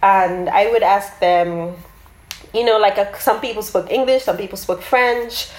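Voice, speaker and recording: A woman's voice: medium pitch, a little slow. A woman artist being interviewed about her project, talking thoughtfully with many fillers and restarts. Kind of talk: casual interview talk. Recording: roomy echoey sound.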